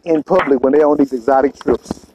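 A man's voice: medium pitch, a little fast, noisy background. A man chatting casually in blunt, profane street slang, often repeating himself to press his point. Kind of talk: casual conversation.

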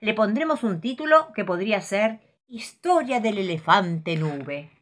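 An earnest male cricket teacher , as a woman plays him, who encourages and explains in a patient, teacherly way. His voice sits somewhat above her own and rises with lively emphasis. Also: mid-range voice, a little slow, very noisy, pitched above the performer's own voice.

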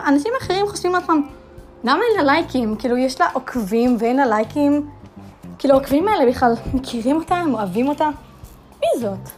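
On her casual solo podcast, a young woman with a high, darkish-toned voice talks in a chatty way full of fillers. Dramatic rhetorical questions keep piling up.

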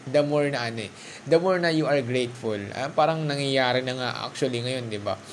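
A man at a mid-range pitch talks casually and encouragingly, often turning to the listener with little asides. He mixes Tagalog and English as he goes, alone in his room with a faint hiss of noise behind him. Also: brisk. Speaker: vlogger. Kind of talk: casual motivational monologue.

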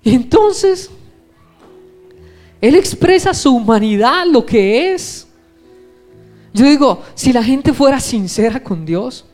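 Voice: sits high, expressive, slow, pauses often, a little mellow, soft background music. A preacher delivers an impassioned sermon full of rhetorical questions.

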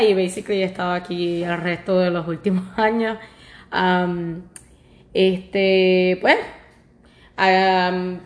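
A woman in her twenties with a Puerto Rican accent, co-hosting a podcast in casual chat, laughing often and slipping English words into her talk. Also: mid-range voice. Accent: Puerto Rican Spanish. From Puerto Rico. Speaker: podcast co-host. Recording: roomy echo.

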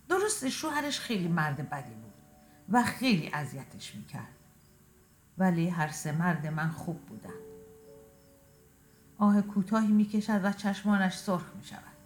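A woman reading a short first-person story aloud in a quiet, reflective, tender way. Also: mid-range voice.

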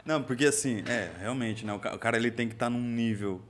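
A Brazilian man with a mid-pitched voice and a Brazilian Portuguese accent, hosting a casual podcast chat. He halts and restarts, slipping in laughs as he talks. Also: fast talker, slight background noise. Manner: hesitant, laughing interjections. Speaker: podcast host.

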